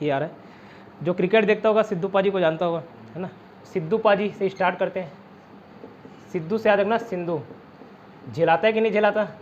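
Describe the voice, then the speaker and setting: High voiced chhattisgarh hindi guy teaching exam prep, chatty, lots of memory tricks, kinda dull lo-fi sound. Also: a little hiss or hum. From India. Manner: chatty, repeats "theek hai", quizzes students with mnemonics. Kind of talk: online exam-prep lesson.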